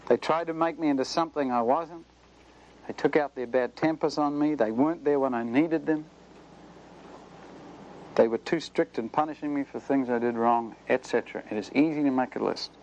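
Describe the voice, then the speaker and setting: A man's voice: mid-range voice, moderate pace, a little mellow, dull audio, slight background noise. A man preaching a sermon in an earnest, conversational way, now and then speeding up playfully.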